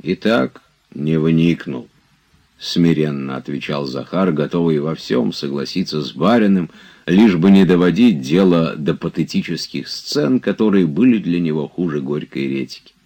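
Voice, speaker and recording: A man giving an expressive scripted narration of a classic novel. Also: rumbling low, normal speed, slightly rough. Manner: expressive literary reading. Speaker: audiobook reader.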